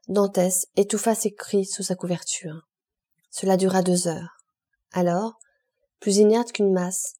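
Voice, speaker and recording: A woman reading a classic novel aloud in measured scripted narration. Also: mid-range voice, mellow, slightly rough. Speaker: audiobook reader.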